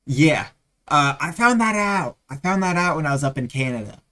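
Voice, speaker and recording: A man's voice: on the high side, lively intonation, normal speed, pushed and bright. A man from Texas hosting a live stream, chatting casually and rambling between anecdotes and side comments. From Texas, USA. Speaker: livestream host.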